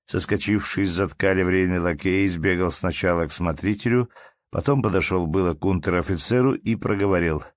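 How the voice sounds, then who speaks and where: A man narrating a literary audiobook in a measured, even storytelling manner. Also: sits low, dry recording.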